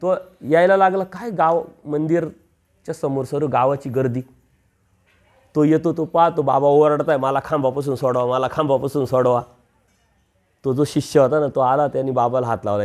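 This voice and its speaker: A man's voice: on the high side, darkish tone. A man preaching a storytelling sermon, acting out the voices of a village parable and rising for emphasis.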